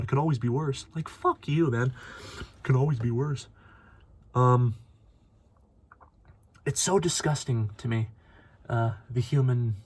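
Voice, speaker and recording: A man's voice: mid-range voice, darkish tone, no room sound. Angry profane man ranting. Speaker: radio monologue host. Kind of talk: ranting monologue.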